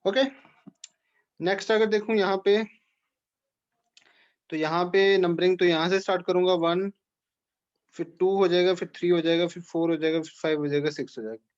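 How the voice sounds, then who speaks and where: A man's voice: high voice, steady tone, moderate pace, pauses often, highs cut off. Man explaining chemistry step by step. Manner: explains step by step, asks students questions. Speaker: chemistry teacher. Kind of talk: classroom lecture.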